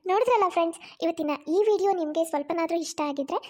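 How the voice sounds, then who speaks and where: A woman narrating a cartoon story in a gentle, measured way. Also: very high-pitched.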